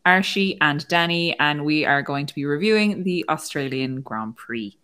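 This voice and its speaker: A woman's voice: sits low, expressive, normal speed, pushed and bright, clean tone. A woman hosting a casual chat podcast, laughing often and acting out her own reactions. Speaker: podcast host.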